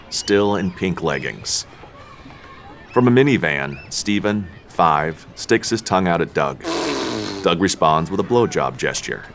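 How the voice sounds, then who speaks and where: A man reading the stage directions in a table read, dry and unhurried. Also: low-pitched, a bit bright, slight background noise.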